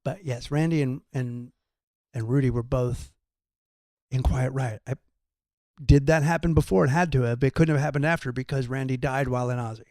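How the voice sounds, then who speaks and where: A man's voice: mid-range voice, moderate pace, a little mellow, no echo. A man co-hosting a podcast, chatting casually and telling jokey, wandering stories. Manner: jokey, tangential storytelling. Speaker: podcast co-host and comedian. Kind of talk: casual chat.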